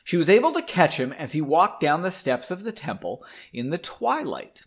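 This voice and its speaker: A man's voice: fairly high pitch, very animated, normal speed, breathy edge. A young man who hosts a podcast, reading a novel aloud and breaking off to comment in a loose, joking, self-deprecating way, with casual swearing.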